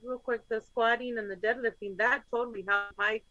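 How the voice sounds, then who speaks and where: Woman, guest, bright higher voice, halting, dry dull call audio. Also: steady tone, no echo. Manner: halting, searching for words. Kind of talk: casual chat.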